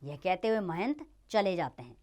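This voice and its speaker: A woman teacher reading a play aloud for children, pausing to explain words. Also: on the low side, very animated, a little mellow. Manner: clear, explanatory.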